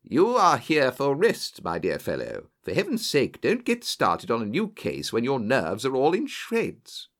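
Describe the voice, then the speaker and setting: A man's voice: mid-range voice, huge pitch swings, measured pace, vocal fry, few pauses, husky, exaggerated voice. A man voicing an earnest, concerned doctor, a detective's loyal friend, in an audiobook story. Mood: alarmed, admonishing.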